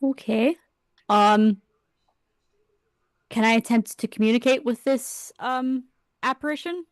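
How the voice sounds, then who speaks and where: A woman's voice: a little high, slow, no echo, clean studio sound. A woman playing in an online tabletop game, chatting with lots of fillers. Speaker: player. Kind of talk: casual tabletop play.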